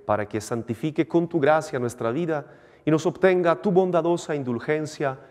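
Priest with cathedral echo. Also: male voice, fairly high pitch, a little mellow. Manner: measured, solemn recitation. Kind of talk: celebrating Mass, liturgical prayers. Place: large church. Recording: long church reverb.

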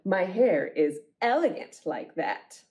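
For a children's storytime, a woman reads picture books aloud with deliberate, expressive phrasing. Her voice is on the low side.

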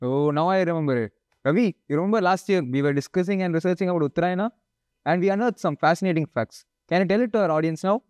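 Male co-host, young, Indian accent, speedy speech, fairly high voice. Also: quick pace, a little mellow, dry recording, clean studio sound. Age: young adult. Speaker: podcast co-host. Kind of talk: scripted podcast presentation. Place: indoor meeting room. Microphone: lapel mic.

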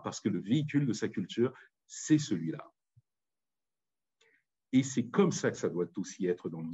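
Husky Parisian man giving a passionate talk. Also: on the low side, a little mellow, highs cut off. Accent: Parisian French. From France. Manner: impassioned, emphatic, insistent. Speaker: speaker. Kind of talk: public talk on language and community.

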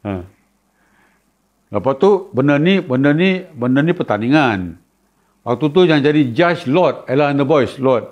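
A man with a Malaysian Malay accent, casually telling a funny story about a gig. He laughs often and acts out a shrill scream. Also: lively intonation, slow, pauses often. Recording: dull lo-fi sound.

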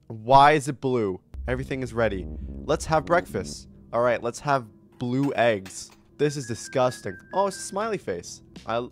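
A young man hosting a gaming channel, casually reacting aloud and reading dialogue during a let's play. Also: mid-range voice.

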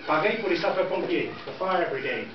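A middle-aged man from southern England, a native English speaker with an English accent, teaching a school class in simple, halting phrases with repetitions. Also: on the high side, lively intonation. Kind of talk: classroom lesson. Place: indoor school classroom with pupils. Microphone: distant camera microphone. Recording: echoey noisy classroom, muffled, from far off.

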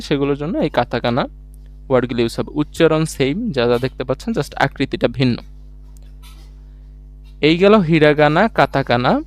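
A man's voice: fairly high pitch, no room sound. Man explaining a lesson, dry close sound. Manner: explains step by step, reads out syllable charts; rhetorical questions, mixes English words into speech. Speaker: language teacher. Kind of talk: online class lecture.

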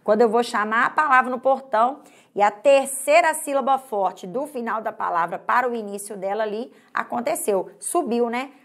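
A Portuguese teacher from Brazil gives an online grammar lesson in a slightly high, somewhat bright voice. She draws out example words and checks in with her students again and again. Her pace is uneven, pausing through slow stretches and then hurrying in quick bursts.

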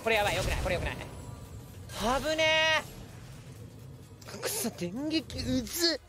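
A man streaming a game and talking over it live, his pitch swinging widely as he reacts. He jumps from chatter to sudden shouts, with faint music playing underneath. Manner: excitable, quick shouted reactions. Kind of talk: live gameplay commentary.

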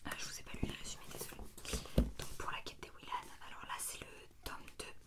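Young woman in a hushed library whisper. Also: fairly quick. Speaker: book vlogger. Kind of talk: whispered ASMR book talk. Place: small room at home, indoors.

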